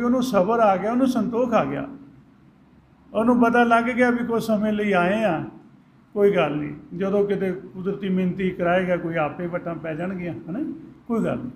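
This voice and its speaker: A man preaching in a high voice, recorded in an echoey hall with a faint hum of ambience behind him. He keeps putting rhetorical questions and then answering them himself, and he stretches scripture verses into a slow chant. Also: darkish tone. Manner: sings out scripture verses slowly. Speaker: Sikh preacher. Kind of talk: religious discourse.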